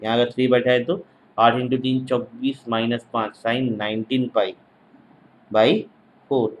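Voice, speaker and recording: A man's voice: medium pitch, flat delivery, a little slow, slight background noise, rough recording. A male mathematics teacher giving an exam-prep lecture, repeating each phrase as if dictating and checking in with short tag questions.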